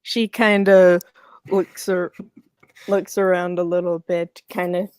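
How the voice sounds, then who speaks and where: A woman playing a tabletop game, casually narrating her character's actions in a hesitant, halting way. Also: on the low side, level tone, a little mellow, smooth, no echo. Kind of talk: casual role-play narration.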